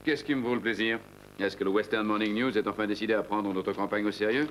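An actor dubbing a courteous, affable official in a TV film. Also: male voice, lowish voice, steady tone, fast talker, a bit bright, close to an everyday voice. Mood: cordial. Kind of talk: dubbed TV film drama dialogue. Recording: noisy dubbed film soundtrack.

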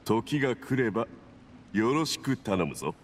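A man's voice: mid-range voice, sing-song, measured pace. A man voicing a smug, domineering villain envoy in an anime game, with a pompous, condescending and insinuating manner. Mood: pleased, menacing.

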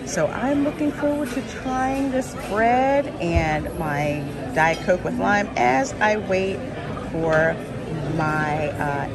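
A young woman chatting eagerly about food in a casual vlog, filmed on a phone at arm's length in a busy restaurant. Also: fairly low pitch. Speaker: food vlogger. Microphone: phone camera at arm's length. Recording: loud restaurant crowd and music. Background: loud crowd chatter and music.

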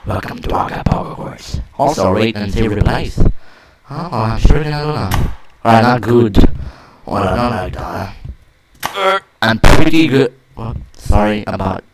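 Brief: young man, let's play commentator, loud and foul-mouthed, shrieks at failures, slow delivery, noisy home mic. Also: on the low side, lively intonation. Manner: loud, profane, yelps and shouts at in-game mishaps. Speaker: gaming channel host. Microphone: desk microphone.

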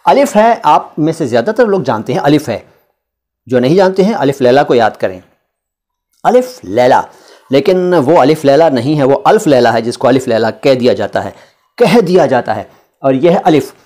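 A man's voice: medium pitch, lively intonation, warm tone. Chatty male language teacher from India. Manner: chatty, drawn-out letter sounds, asides. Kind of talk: casual lesson at a board.

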